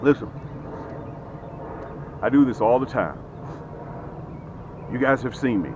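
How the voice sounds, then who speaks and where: Speaking slowly into a camera held close, a middle-aged man on a lakeshore mixes a fishing vlog with an energetic pitch for the tackle he sells. He's animated, uses his hands, and keeps repeating "okay?" and "guys." The recording loses its highs and has a noisy background.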